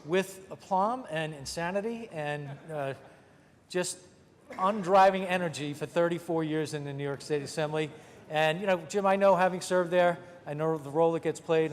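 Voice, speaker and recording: A man delivers opening remarks as senate majority leader at a podium microphone, his voice sitting a little high for a man. He keeps it chatty and folds wry jokes in between the thank-yous. The sound rings with the long reverb of a large legislative chamber. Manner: chatty, with wry joking asides.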